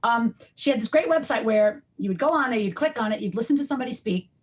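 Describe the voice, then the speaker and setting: A middle-aged linguistics professor from New York talks at length as a guest in a conversational podcast interview, full of ums and restarts. Her voice is a little high, husky, expressive, and quick.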